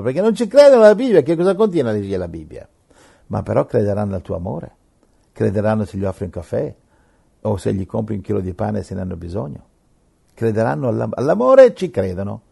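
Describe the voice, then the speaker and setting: A man preaching a sermon, emphatic, swinging between loud rhetorical questions and quiet asides. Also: mid-range voice, gravelly, slightly rough.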